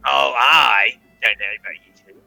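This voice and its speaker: A man's voice: medium pitch, normal speed, vocal fry, pushed and bright, full character voice. A man voicing a plump, flirty male halfling merchant in a tabletop game. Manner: boastful, flirtatious. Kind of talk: tabletop role-play.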